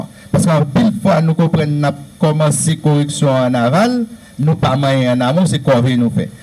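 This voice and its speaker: Over a noisy background, a man with a Haitian Creole accent and a voice on the high side talks about Haitian history. He lectures earnestly, stressing ideas through emphatic, repeated lists.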